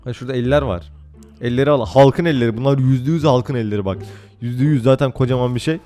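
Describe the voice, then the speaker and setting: A young man giving casual, excitable gameplay commentary, swearing and laughing often. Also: medium pitch, fast, soft background music. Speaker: gaming YouTuber.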